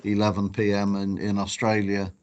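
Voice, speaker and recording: Low-voiced man moderating a webinar. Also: monotone, normal speed, darkish tone, lo-fi sound.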